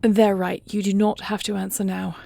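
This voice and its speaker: In a scripted audio roleplay drama, a woman voices a regal dragon queen who is earnest, motherly, affectionate and gentle. Her medium-pitched, creaky-edged voice, with little pitch movement, is recorded dry and close without echo, as she speaks in formal, measured phrases with a gentle touch.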